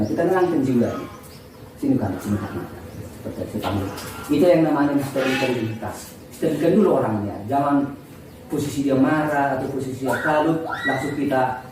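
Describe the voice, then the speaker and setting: A man, a teacher, giving an informal presentation to colleagues in a conversational way, often acting out exchanges with students. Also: medium pitch. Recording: echoey room, far from the mic, faint noise.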